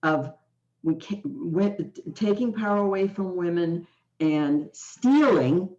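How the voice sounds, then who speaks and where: A woman's voice: lowish voice, animated, a little mellow. A woman host from the United States in an interview conversation, speaking passionately and with strong emphasis. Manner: emphatic and passionate, slow and deliberate. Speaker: podcast host. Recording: dull lo-fi sound.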